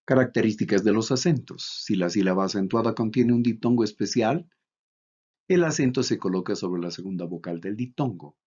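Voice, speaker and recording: A man from Bolivia giving a recorded lecture, reading out examples slowly and deliberately. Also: lowish voice, expressive, a little mellow, husky. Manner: slow, deliberate, reads out examples. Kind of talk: recorded lecture on Greek accents. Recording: dull lo-fi recording.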